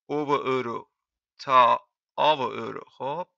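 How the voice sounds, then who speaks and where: Chatty man teaching, bright dry sound. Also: medium pitch, steady tone, vocal fry, no room sound, highs cut off. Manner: chatty, repeats words slowly for learners. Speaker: French teacher. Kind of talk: casual lesson explaining to beginners.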